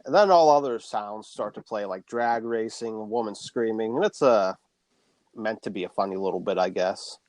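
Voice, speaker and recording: A man's voice: lowish voice, moderate pace, darkish tone, no room sound. A man co-hosting a podcast, casually recapping a horror film plot and swearing freely.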